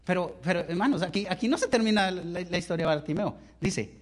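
Male preacher, high husky voice, impassioned, repeats and restarts as he preaches. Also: fast. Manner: impassioned, swinging between loud outbursts and hushed lines; repeats words and restarts phrases. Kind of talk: sermon storytelling.

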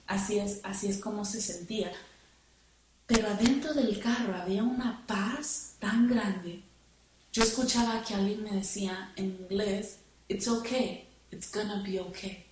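A woman telling her testimony in church, halting and repeating words as she remembers. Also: medium pitch. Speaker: church member giving testimony. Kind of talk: spoken testimony. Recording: echoey room, far from the mic, noisy.

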